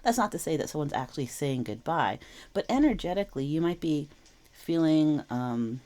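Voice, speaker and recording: A woman's low-pitched, warm voice carries lively intonation at a moderate pace as she hosts her channel and gives a tarot reading. Though under the weather, slightly wheezy and clearing her throat, she speaks to viewers in a casual, explanatory, reflective and reassuring way.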